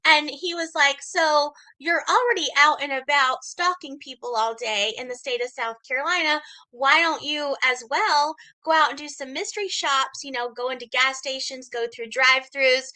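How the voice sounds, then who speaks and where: A woman's voice: pushed and bright, poor audio. A woman in her forties hosting a casual livestream, telling a long personal story in a chatty way and acting out the people she quotes. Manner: chatty, acts out quoted voices with big pitch jumps. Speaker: host.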